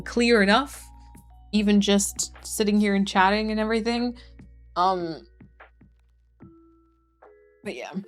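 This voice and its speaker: A woman's voice: mid-range voice, a bit bright. A young woman live-streaming, chatting casually and reading out viewers' messages, with lots of "like" and "um". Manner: chatty, reads chat messages aloud and answers them; frequent fillers like "like" and "um". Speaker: streamer chatting with her chat.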